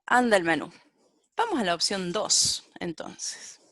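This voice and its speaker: A woman's voice: mid-range voice, very animated, a little slow, fairly bright tone, no echo, clean studio sound. A woman giving a live-coding programming lecture and thinking aloud as she types and corrects herself. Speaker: programming teacher.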